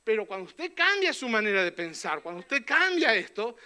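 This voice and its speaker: A man's voice: high-pitched, big pitch swings, normal speed, pushed and bright, smooth. A man preaching a fervent church sermon as pastor, often tossing in questioning tags to his listeners.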